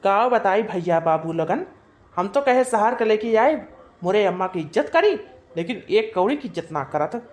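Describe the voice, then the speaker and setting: A woman's voice: mid-range voice, lively intonation, moderate pace, lightly acted. A woman voicing a meek young village husband in a cartoon, sweet-talking his wife. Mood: complaining. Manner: pleading, sweet-talking, wheedling. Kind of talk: cartoon voice acting.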